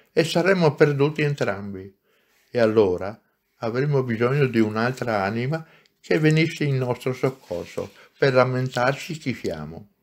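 A man reading aloud and voicing a gentle, patient spirit who speaks calmly and gravely. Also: medium pitch, natural voice. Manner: calm, grave and slow. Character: gentle wise friendly soul, male, patient.

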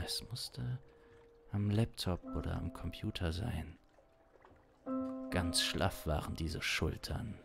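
A man in his thirties improvises a crime story as an audio-drama narrator, speaking deliberately and suspensefully with long pauses. His voice is low and creaky, recorded close on a condenser mic in a small studio with instrumental music underneath.

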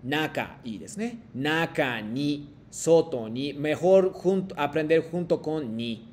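A man teaching a Japanese class online, slowly modeling phrases for his students to repeat. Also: fairly high pitch, darkish tone. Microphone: video call.

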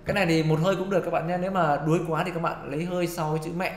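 A man teaching a singing lesson, explaining technique in quick spoken tips and singing short phrases to demonstrate. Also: fairly high pitch, fairly even intonation, a little hiss or hum. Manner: brisk, explanatory, sings phrases then breaks them down. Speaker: vocal coach. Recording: echoey room with guitar backing. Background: loud guitar accompaniment.

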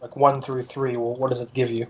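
A man talking quickly and chattily as he walks his friends through a game, in a slightly raised voice. His dull, lo-fi microphone muffles him, with faint music underneath. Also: medium pitch, level tone, noisy background. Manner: helpful, explaining, chatty. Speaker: gamer guiding friends. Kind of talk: casual gaming chat.

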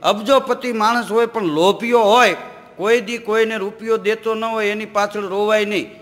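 A man's voice: high-pitched, fairly even intonation, normal speed, fairly bright tone. A man telling comic stories and reciting verse on stage. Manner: jokey anecdotes with quoted dialogue and recited verse. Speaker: folk comedian and storyteller. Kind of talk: stage comic storytelling to a live audience. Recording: live stage recording with long hall reverb. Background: audience laughter.

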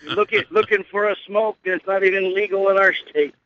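A man calling in to a radio show, teasing the hosts in an animated way. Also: high-pitched, brisk, vocal fry. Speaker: caller. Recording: muffled phone line with crowd noise.

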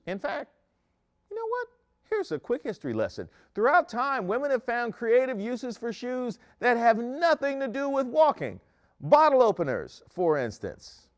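A young man delivers comedic news commentary from a studio set, his voice leaping around with lively, exaggerated pitch swings. He jokes and throws in mock-outraged asides, sitting a touch higher than most men. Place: studio set in front of a screen.

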